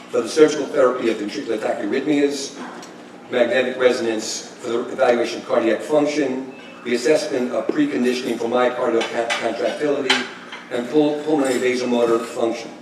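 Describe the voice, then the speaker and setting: Man in his 60s telling stories at a banquet, stumbles and chuckles, echoey, clear kitchen noise behind. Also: mid-range voice. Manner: storytelling, chuckling, halting restarts. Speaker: speaker giving a tribute talk. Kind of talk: anecdotal tribute speech. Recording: echoey room, distant mic, kitchen clatter.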